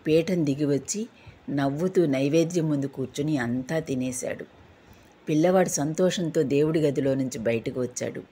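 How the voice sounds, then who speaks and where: A woman narrating devotional stories in a steady, gentle reading style. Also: low voice, moderate pace, breathy edge. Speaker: storyteller.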